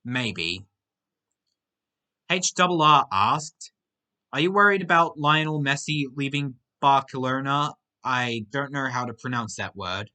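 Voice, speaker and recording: Bright, lively young man. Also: mid-range voice, measured pace. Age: young adult. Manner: reads out questions, then gives short plain answers. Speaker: channel host answering viewer questions. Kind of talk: casual Q&A monologue.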